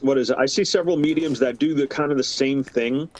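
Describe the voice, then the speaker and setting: A man talking as a guest on a casual podcast. He speaks hesitantly, often stopping to restart with fillers. His voice sits at an ordinary middle pitch. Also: quick pace, darkish tone, rough recording. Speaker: podcast guest, former team member.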